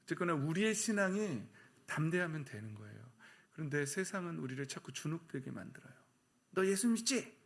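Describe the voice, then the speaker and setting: A man's voice: on the high side, fairly quick, vocal fry, few pauses. A middle-aged male pastor preaching an early-morning sermon to a congregation with children, acting out the voices of people in the story. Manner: animated, acts out voices of characters in the story.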